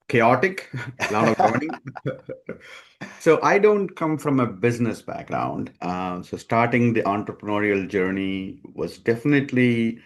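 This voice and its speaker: A man being interviewed as a company founder, speaking in a measured way with many hesitations. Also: on the low side. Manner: measured, many ums and uhs. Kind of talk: conversational interview.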